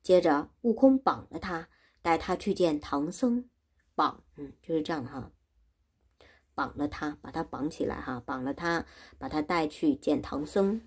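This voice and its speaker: A woman's voice: deep voice, moderate pace, darkish tone, slightly rough. A woman teacher reading a classic story aloud and explaining it for learners, repeating and rephrasing things in simple words. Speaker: Chinese teacher.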